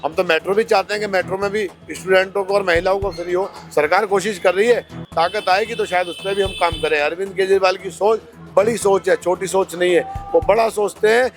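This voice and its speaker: A man with a rather high voice defends his party in an interview. He argues steadily and leans on rhetorical questions. Faint music plays underneath. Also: fairly even intonation, a little fast. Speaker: politician, candidate. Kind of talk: interview answers.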